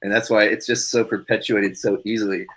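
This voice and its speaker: Deep husky guy chatting on a podcast, laughs a lot, trips over his words. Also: flat delivery, fairly quick, fairly bright tone, rough recording. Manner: laughs often, lots of fillers and restarts. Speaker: podcast co-host. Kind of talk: casual chat.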